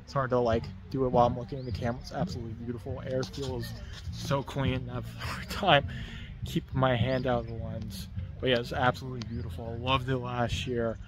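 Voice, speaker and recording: A man's voice: mid-range voice, flat delivery, a little fast. A man talking casually in a vlog, easygoing and rambling, laughing between thoughts. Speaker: vlogger.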